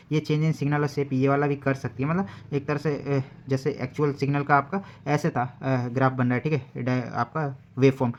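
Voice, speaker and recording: A man's voice: mid-range voice, highs cut off. A man giving an exam-prep lecture on his own, explaining each point with simple everyday examples and frequent fillers. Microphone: recording alone at a desk.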